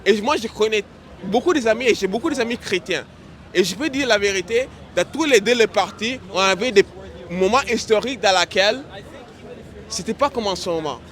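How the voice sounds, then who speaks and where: Earnest high-voiced man, from Senegal. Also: animated, fairly bright tone, some chatter behind. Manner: halting, restarts often, earnest. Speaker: passerby. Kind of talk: street debate.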